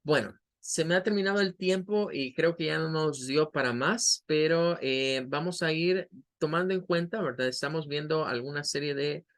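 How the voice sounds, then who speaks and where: A man whose first language is Spanish, teaching an English pronunciation lesson and slowly repeating model words for his students. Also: on the high side.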